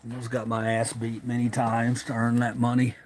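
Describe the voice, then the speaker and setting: A man's voice: mid-range voice, completely flat delivery, normal speed, a little hiss or hum. A man chatting casually as a livestream host, talking around a dip of tobacco in his lip, rambling and informal with some swearing.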